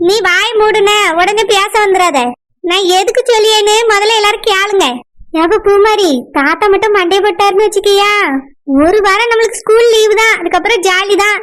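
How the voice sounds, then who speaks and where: A woman's voice: very high-pitched, fairly even intonation, moderate pace, a bit bright. A woman voicing cheeky, scheming village children with a southern Tamil accent and a playful manner. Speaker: cartoon voice artist.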